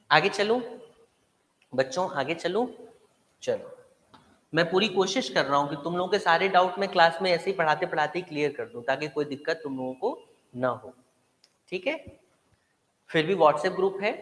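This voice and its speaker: A man with an Indian accent teaching a live online class, repeating terms slowly so students can memorize them. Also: fairly high pitch, a bit bright. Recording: echoey room with long reverb.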